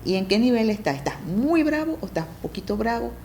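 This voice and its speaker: A middle-aged woman with a warm, mellow voice speaks as a family coach in a relaxed interview. She explains step by step, often checks that her listener follows, and acts out parent-child exchanges with lively jumps in pitch. A faint hiss of background noise sits under her voice. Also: fairly quick. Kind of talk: conversational interview.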